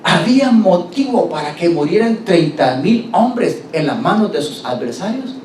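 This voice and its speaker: High-voiced preacher in an echoey church. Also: male voice, sing-song, a little mellow. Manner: preaching with call-and-response, slowing to stress scripture. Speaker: pastor. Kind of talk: sermon. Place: church hall. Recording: roomy church recording from a distance, faint rumble.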